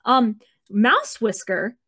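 A woman's voice: a little high, very animated, slow pace, a bit bright, husky. A woman hosting a casual chat, reading book passages aloud and joking about them. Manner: reads quotes with small character voices, laughs often. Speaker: host.

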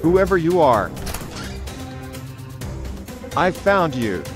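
A man voicing a steady, protective elephant toy in a cartoon drama. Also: fairly high pitch, drawn-out words, music in the background, exaggerated voice. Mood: wary.

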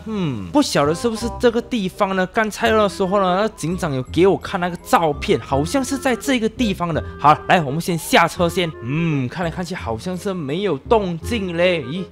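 A young man narrating his game roleplay as a cop, excitable and full of exclamations. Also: sits high. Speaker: gaming youtuber.

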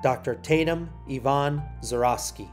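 A man formally reading out graduates' names one by one at a ceremony, in a measured, announcing manner. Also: medium pitch. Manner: measured, announces each name. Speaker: ceremony name reader. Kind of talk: formal roll call of graduates. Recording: music playing underneath.

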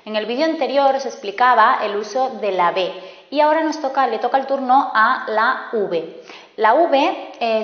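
A woman with a Spain Spanish accent teaching a spelling lesson, slow and deliberate as she spells out examples. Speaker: language teacher. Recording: echoey room, dull low-fi sound.

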